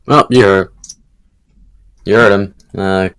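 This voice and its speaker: A man's voice: low-pitched, steady tone, takes it slowly, fairly bright tone, clean tone. A man playing a tabletop game, talking casually and partly in character.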